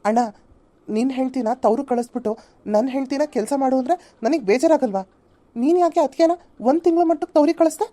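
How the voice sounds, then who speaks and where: A woman's voice: high-pitched, fast, mellow, close to an everyday voice. A woman voicing a young husband in a family cartoon who argues with his elder brother. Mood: arguing. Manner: argumentative. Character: protective young husband, blunt.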